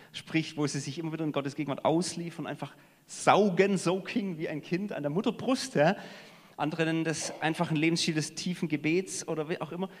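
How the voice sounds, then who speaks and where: A man preaching a sermon in a conversational way, swinging between emphatic stresses and hushed asides. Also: on the high side. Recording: long hall reverb.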